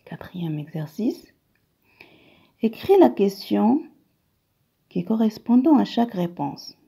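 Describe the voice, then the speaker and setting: A woman's voice: medium pitch, very animated, slow pace, vocal fry, dark tone, slightly rough. A woman teaching a grammar lesson, patiently repeating each phrase and often dropping to a whisper. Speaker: primary school teacher. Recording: dull lo-fi recording.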